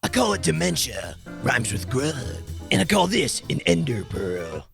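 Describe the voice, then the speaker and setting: A man's voice: mid-range voice, very animated, unhurried, gravelly, full character voice. A man voicing Grug, a dim and cheerful cartoon caveman who proudly names things, goofy with yelps and groans. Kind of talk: cartoon voice acting. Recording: music playing behind.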